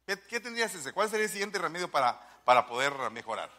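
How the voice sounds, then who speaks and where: Guy preaching a sermon, bright voice kinda high, keeps throwing questions at the crowd. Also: fast. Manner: animated, rhetorical questions to the congregation.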